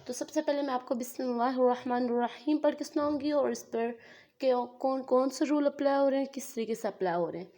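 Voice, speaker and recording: A woman gives a tajweed lesson in a fairly high, mellow voice. She draws each recited phrase out slowly, then breaks it down with patient explanation. She keeps asking questions and answering them herself. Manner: slow, drawn-out recitation between patient explanations; asks and answers her own questions. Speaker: Quran recitation teacher.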